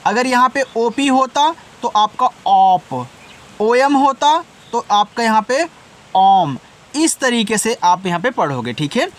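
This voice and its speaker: A man teaching English words letter by letter, spelling slowly, then explaining patiently and answering his own questions. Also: sits high, a bit bright. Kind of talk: Hindi-language spelling lesson.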